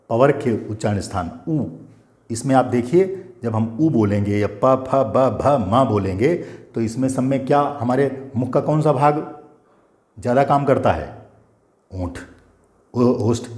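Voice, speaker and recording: A man's voice: mid-range voice, dark tone, reverberant. An older man teaching Sanskrit grammar, patiently repeating terms and asking his students questions. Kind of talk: explanatory grammar lesson.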